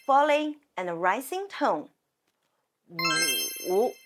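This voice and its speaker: Slow, careful woman with a Chinese accent. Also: fairly high pitch, animated. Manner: slow, careful, drawn-out sounds. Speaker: Chinese teacher. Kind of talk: slow language lesson. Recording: music playing behind.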